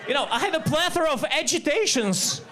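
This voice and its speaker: Russian-accented man, halting stand-up. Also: very high voice, some chatter behind. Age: 40s. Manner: halting deadpan delivery with many fillers and restarts. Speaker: stand-up comedian. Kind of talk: stand-up comedy set. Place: comedy club stage.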